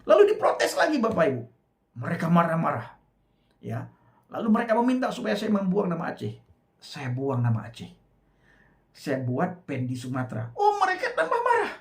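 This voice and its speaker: Animated man preaching his testimony. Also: high voice, normal speed, pauses often. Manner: emphatic, addresses listeners often.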